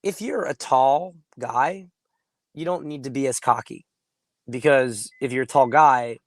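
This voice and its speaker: A man hoarse with laryngitis, sounding muffled, gives casual coaching advice in deliberate, emphatic phrases, now and then clearing his throat. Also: medium pitch, dry recording. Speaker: dating coach and host. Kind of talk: casual straight-to-camera advice talk.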